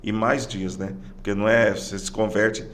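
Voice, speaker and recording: A middle-aged man with a Brazilian Portuguese accent, a podcast guest telling a personal story in a halting way, often repeating words and restarting phrases. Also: lowish voice, level tone, a bit bright. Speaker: podcast guest, police sergeant. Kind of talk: personal testimony in casual conversation.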